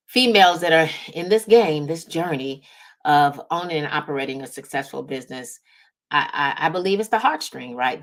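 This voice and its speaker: A Midwestern American woman, a business strategist and coach, hosts a casual motivational livestream in a low voice, speaking straight to her audience. She's emphatic, drawing out and stressing key words and checking in with "right?" and "y'all".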